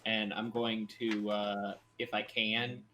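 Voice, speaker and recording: A man playing a tabletop game with a fairly low voice, speaking very slowly and deliberately. His manner is blunt, with a faint background hum behind him. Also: little pitch movement, bright, forceful tone. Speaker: player. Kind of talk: casual tabletop play.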